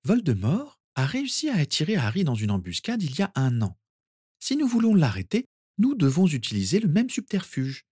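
Hermione, a clever young witch who plans everything and speaks with earnest resolve, voiced by a man reading a storybook. Her voice sits higher than the reader's own, and it is dry and close. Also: wildly swooping pitch, normal speed, warm tone, slightly rough, dry recording, full character voice. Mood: determined. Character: sharp clever young witch, determined planner. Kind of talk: audiobook character reading.

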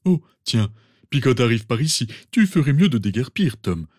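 A man voicing a pompous, sentimental old male wizard professor, with theatrical, drawn-out exclamations. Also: mid-range voice, very animated, a little mellow, dry recording, studio quality. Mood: fussing. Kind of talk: fan audiobook reading.

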